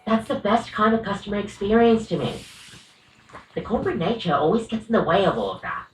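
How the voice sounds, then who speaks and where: A woman's voice: medium pitch, big pitch swings, brisk, roomy sound, far from the mic, a little hiss or hum, close to an everyday voice, poor audio. A woman voicing a rambling, coffee-obsessed female coffee machine barista in a video game, often apologizing and correcting herself.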